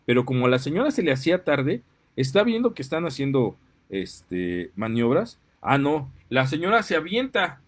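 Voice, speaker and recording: A man's voice: medium pitch, very animated, moderate pace. Indignant Mexican man ranting. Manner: indignant, gets worked up, apologizes for outbursts. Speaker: parent and commentator. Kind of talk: impassioned monologue.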